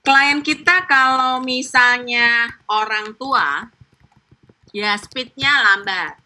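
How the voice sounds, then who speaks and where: A middle-aged woman training insurance agents over a video call, talking fast and chatty, with playful acted-out examples. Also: on the high side, pushed and bright. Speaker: insurance agent teaching sales technique. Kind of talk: live online training session.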